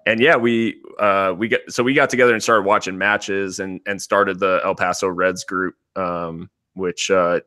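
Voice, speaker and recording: An American man chatting casually as a podcast guest, relaxed and rambling with many fillers and restarts. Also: low-pitched, moderate pace, few pauses, dry recording, clean studio sound. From United States.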